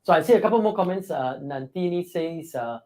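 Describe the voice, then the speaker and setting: A man's voice: a little high, animated, brisk, darkish tone, poor audio. A man hosting a live leadership interview. He affirms his guest's points and reads out viewer comments, with many fillers. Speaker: host.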